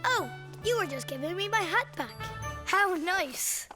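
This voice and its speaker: A woman's voice: very high voice, animated, measured pace. Henry, a bubbly little boy. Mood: cheerful. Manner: eager, bubbly, exclaims often. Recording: music playing behind.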